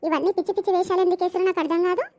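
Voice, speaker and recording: A woman's voice: extremely high pitch, steady tone, rapid-fire, darkish tone. A woman voicing a stern middle-aged mother, lecturing and scolding. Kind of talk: animated village comedy voicing.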